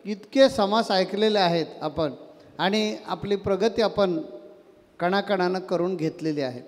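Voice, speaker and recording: A man delivers a devotional sermon in an unusually high voice, telling stories with animation. He fires rhetorical questions at the listeners as he teaches. His voice rings out with a long reverb, as in a large hall. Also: measured pace. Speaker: spiritual teacher giving a discourse.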